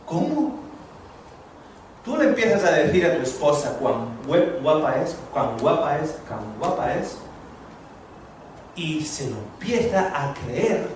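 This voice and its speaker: Man, preacher, high voice, humorous sermon, very echoey hall, faint noise. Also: far from the mic. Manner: humorous storytelling, lively preaching to a congregation. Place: large hall before a congregation.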